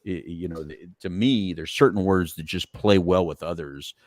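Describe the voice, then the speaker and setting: A middle-aged man hosting a podcast in casual chat, animated and rambling, laughing often as he talks. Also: deep voice, normal speed, dry recording, clean studio sound. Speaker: podcast host.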